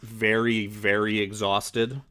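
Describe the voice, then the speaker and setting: A man's voice: on the low side, flat delivery, slow, pushed and bright, clear, resonant tone. A man narrating as game master in a casual, rambling way full of fillers. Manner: casual, filler-heavy with frequent "like".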